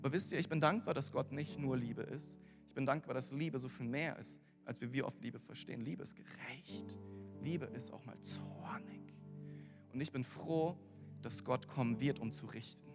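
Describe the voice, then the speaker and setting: German-speaking preacher in an echoey hall. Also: male voice, medium pitch, a little fast, vocal fry. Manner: earnest, conversational, addresses listeners directly. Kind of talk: sermon. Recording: echoey hall with music behind.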